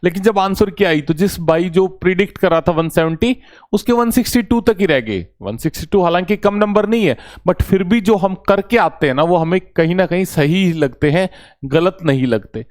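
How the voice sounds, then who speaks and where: A man's voice: high-pitched, animated, normal speed, a little mellow. A man teaching as an exam coach, talking casually and reassuringly to students and calling them brother, with a touch. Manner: familiar, reassuring, often says brother.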